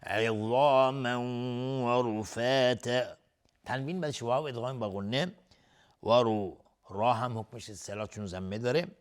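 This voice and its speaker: A man teaching Quran recitation, talking through the rules at a medium pitch. He explains one point at a time in a steady teaching voice and breaks off now and then to chant a word slowly. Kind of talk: tajweed lesson with chanted recitation.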